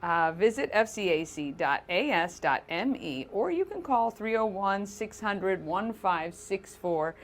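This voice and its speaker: A woman's voice: mid-range voice, animated, unhurried, hardly any pauses, slight background noise. A woman hosting a local morning show, talking in an upbeat, chatty way. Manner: upbeat, chatty, coos at animals. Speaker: host. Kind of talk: morning show host segment.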